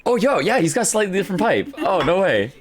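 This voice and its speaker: A man streaming a game, chatting casually in a slangy, excitable way. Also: high-pitched, fast talker, crowd noise. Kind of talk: excitable casual chat during a playthrough.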